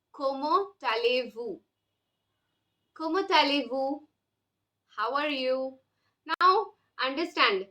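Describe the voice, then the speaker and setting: Bright high-voiced woman teaching slowly. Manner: explains patiently, drills words for repetition. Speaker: French teacher. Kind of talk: beginner language lesson.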